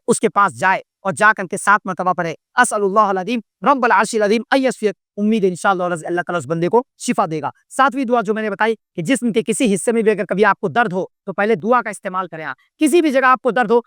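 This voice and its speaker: A man preaching a sermon to a gathering. He poses rhetorical questions, answers them himself, and recites Arabic supplications slowly and deliberately. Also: high-pitched, bright, forceful tone, clear, resonant tone, no room sound, studio quality. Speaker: Islamic preacher.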